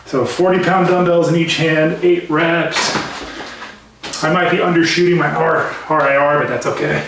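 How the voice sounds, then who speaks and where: A man's voice: on the high side, fairly even intonation, moderate pace, background noise. Breathless man talking in an echoey gym. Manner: explains between sets, many fillers. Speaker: golf speed trainer. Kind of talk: casual training vlog commentary. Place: small gym room.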